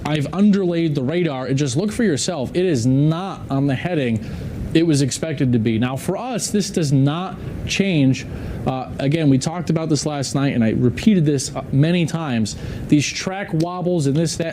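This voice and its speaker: Male TV weather forecaster, slightly high voice, explanatory and emphatic, improvising live over clear rumbling noise. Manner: explanatory, thinking aloud with emphatic repetition. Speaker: TV meteorologist. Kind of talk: live unscripted weather coverage.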